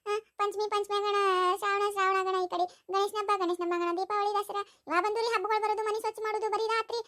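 A woman's voice: very high voice, level tone, quick pace, fairly bright tone. A woman with a North Karnataka accent playing a chatty, gossiping neighbour in a village comedy sketch.

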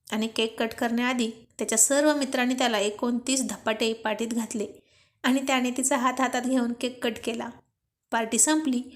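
A woman reading a romance story aloud, voicing every character's lines in her own voice. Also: on the high side. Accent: Marathi.

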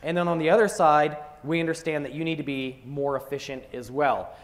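A man's voice: fairly high pitch, fairly quick. Upbeat man presenting a tech demo. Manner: enthusiastic, joking asides. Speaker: conference presenter.

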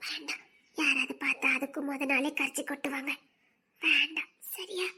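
A tender young village woman with a soft, humble way of speaking, played by a woman. Her voice is high and bright, though a little lower than usual for her. It is an audio drama performance. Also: steady tone, brisk.

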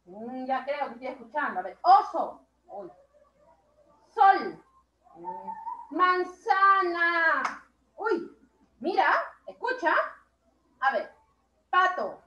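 High-voiced woman teacher, slow praise. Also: big pitch swings, reverberant, highs cut off. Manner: slow, drawn-out words, warmly praising children. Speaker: primary school teacher. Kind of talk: online class instruction.

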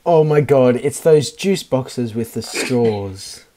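A man hosts a casual online card game over voice chat, reading each card aloud between bursts of laughter. He teases the other players. His voice is mellow and a touch dark, at a middling pitch. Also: animated, slow pace. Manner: reads cards aloud, giggly and teasing. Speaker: game host reading cards.

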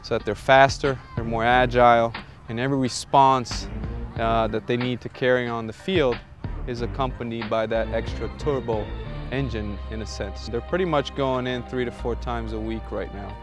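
A man's voice: medium pitch, steady tone, normal speed, hardly any pauses. A man, a fitness coach, giving a documentary interview outdoors, explaining things step by step. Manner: methodical, explanatory. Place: outdoor sports field. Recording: background music under the voice.

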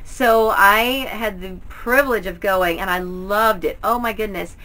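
A middle-aged woman at home in front of her bookshelves shows off a book haul to camera, giving a casual, chatty review like a vlogger. Her mid-range voice is unhurried, pushed, and bright, and the audio quality is poor.

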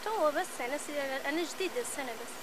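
Young libyan woman, teacher, high soft voice, outside on a noisy camera mic. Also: expressive, quick pace. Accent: Libyan Arabic. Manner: soft-spoken, listing shortages plainly. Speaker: schoolteacher. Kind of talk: street interview. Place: outdoors on a sandy village track. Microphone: handheld camera at close range. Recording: outdoor camera audio with clear background noise.

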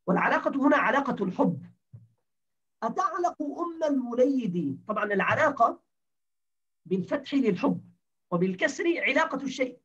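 A man's voice: very high-pitched, very animated, fairly quick, pauses often, fairly bright tone, breathy edge. A man teaching a grammar class, explaining step by step and quizzing his students with questions. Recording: distant dull lo-fi recording.

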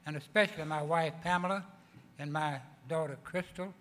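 An elderly man with a growling, hoarse voice gives a formal acceptance speech in a halting, deliberate way. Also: on the high side, a bit bright. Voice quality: growling, hoarse voice from vocal cord paralysis. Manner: halting, deliberate delivery with stumbles. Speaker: award recipient giving acceptance speech. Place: large banquet hall stage. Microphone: podium microphones. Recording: echoey banquet hall PA, electrical hum.

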